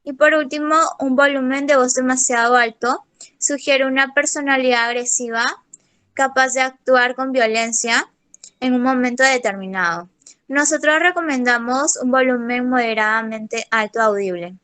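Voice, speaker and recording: Woman, high bright voice, smooth and clear, steady reading, class presentation. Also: normal speed. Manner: plain, steady reading with fillers. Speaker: student presenter.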